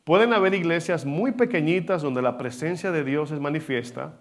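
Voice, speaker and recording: A male pastor preaching a sermon, animated and asking the congregation rhetorical questions. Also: on the high side, normal speed. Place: church hall.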